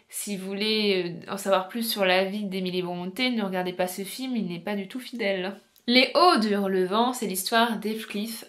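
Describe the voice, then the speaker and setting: A woman's voice: mid-range voice, a bit bright. A young woman reviewing a classic novel for her book channel, explaining the plot point by point with some hesitant fillers. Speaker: booktuber.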